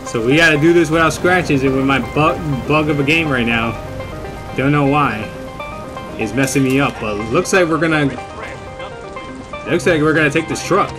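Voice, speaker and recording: Higher-voiced young man doing gameplay commentary. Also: normal speed, long pauses. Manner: rambling, repeats phrases. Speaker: gamer, video host. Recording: game music under the voice.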